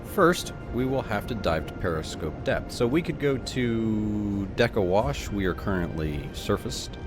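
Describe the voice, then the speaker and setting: A man's voice: lowish voice, lively intonation, a little slow. A man giving a casual, easygoing let's play commentary, thinking aloud and sometimes reading game tips. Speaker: gamer playing and commentating. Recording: loud game music behind voice.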